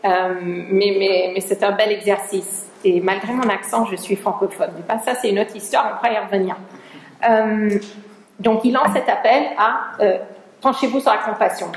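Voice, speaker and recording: In a lecture hall, a woman researcher gives a conference talk, often searching for words and restarting her sentences. Her mid-range voice stays steady at a normal speed, and the recording has a roomy hall sound.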